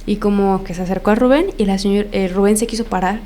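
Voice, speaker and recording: Young woman, casual podcast storytelling, quotes everyone's lines, soft mellow tone, faint hiss behind. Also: mid-range voice, quick pace. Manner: retells events with many quoted lines, repeats phrases. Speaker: podcast host telling a personal story.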